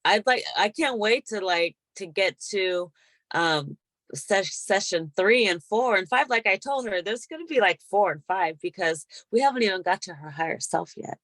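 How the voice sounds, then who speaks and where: A woman practitioner chatting casually about a spiritual session, laughing often and animated when retelling things. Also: medium pitch, normal speed, no echo. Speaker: hypnotic regression practitioner.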